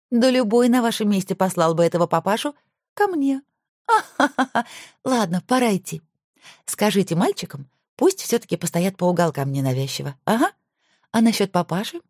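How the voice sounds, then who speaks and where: A woman voicing a sly young woman dancer in an audiobook, coaxing and breathy. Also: mid-range voice, a little mellow, no room sound, clean studio sound, voice pushed up.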